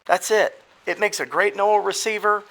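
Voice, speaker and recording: A man with a high-pitched, bright, pushed voice and some vocal fry speaks at normal speed. In a garage partly sunk into the ground, he shows off radio gear in a casual show-and-tell, explaining things emphatically straight to viewers.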